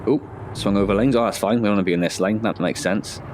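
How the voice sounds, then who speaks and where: Over a noisy background, a gaming video host with a mild head cold talks fast in a voice on the low side. He chats through a driving game on his own channel, musing out loud and poking fun at himself in this casual let's-play commentary.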